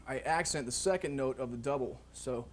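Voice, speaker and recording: A man teaching drum technique in a relaxed, rambling way, full of ums and you knows. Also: medium pitch, brisk, heavy background noise. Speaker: drum instructor. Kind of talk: casual instructional explanation.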